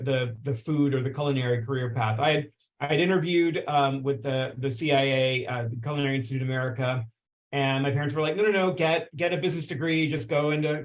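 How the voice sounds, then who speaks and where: Earnest man from Texas telling his story. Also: mid-range voice. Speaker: chef and food writer. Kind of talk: casual personal introduction.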